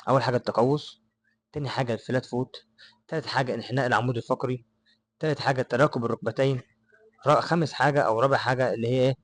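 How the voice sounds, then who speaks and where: A young Egyptian man talks at a very fast clip in a mid-pitched voice. He explains things off the cuff, circling back and often checking that his listeners are following. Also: steady tone. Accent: Egyptian Arabic. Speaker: advice vlogger. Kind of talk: unscripted explainer to camera.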